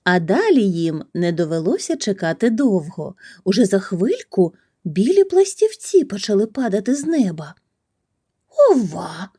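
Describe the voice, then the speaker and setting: A woman reading a children's story aloud, gentle and soft, sometimes dropping to a whisper. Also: mid-range voice, sing-song, moderate pace, slightly rough.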